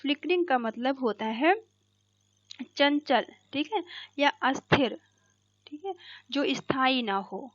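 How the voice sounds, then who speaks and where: A woman teacher explaining an English poem line by line in Hindi, checking each point with "theek hai" and reading the English lines slowly. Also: high-pitched, lively intonation, noisy background. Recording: dull, dry lo-fi recording.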